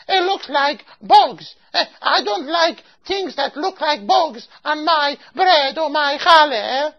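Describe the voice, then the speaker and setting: A woman's voice: high-pitched, lively intonation, slow pace, full character voice. A woman doing a fussy old matchmaker lady. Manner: broken English sprinkled with Yiddish words; picky, insistent, repeats herself. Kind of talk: amateur comic storytelling skit. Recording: dull lo-fi recording.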